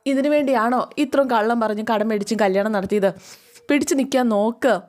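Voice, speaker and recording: A woman's voice: fairly high pitch, a little fast, darkish tone, close to an everyday voice. A woman voicing a caring mother who anxiously questions her grown daughter. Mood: firm.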